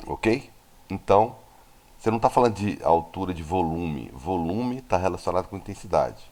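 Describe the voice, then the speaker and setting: A man's voice: low voice, animated, normal speed, a little mellow. A Brazilian man teaching a recorded physics lesson. He explains step by step and keeps checking in with his students through short tag questions. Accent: Brazilian Portuguese.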